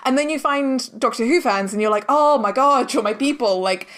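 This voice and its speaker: With a high, slightly bright voice at a moderate pace, the audio drama director and producer talks casually as a guest on a podcast. She comes across as earnest and gushing, peppering her sentences with "like."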